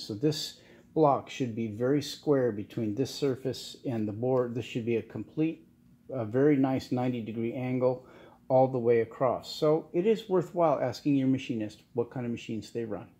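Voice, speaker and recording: A middle-aged man giving a casual workshop how-to, talking in a halting way with many fillers and restarts. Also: medium pitch, mellow. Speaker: channel host restoring cars. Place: home garage workshop, indoors.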